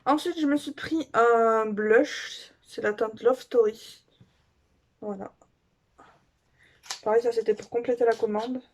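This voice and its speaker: In a relaxed makeup haul review, a female beauty vlogger enthuses about her picks and uses small fillers to bridge pauses. She speaks with a fairly high pitch and a steady tone.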